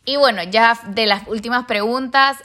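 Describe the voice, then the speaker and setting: A young woman hosts a relaxed conversation. Her voice is bright and sits slightly high. She tells her stories in a lively way and acts out the voices of the people she quotes. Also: moderate pace. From El Salvador. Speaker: podcast host. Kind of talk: casual chat.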